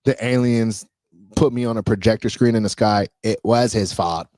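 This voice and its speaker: A man co-hosting a podcast in casual chat, playful and rambling, pausing on fillers as he talks. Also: lowish voice, darkish tone, dry recording. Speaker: podcast co-host.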